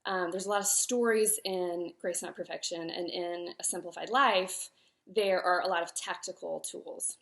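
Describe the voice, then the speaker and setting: On a live stream, a woman in her thirties who is both author and host opens up about her life and work in a lowish, creaky, slightly bright voice with a steady tone at normal speed. She's emotional and near tears, her words sometimes catching. Her speech is loose and personal, full of fillers, restarts, and self-corrections.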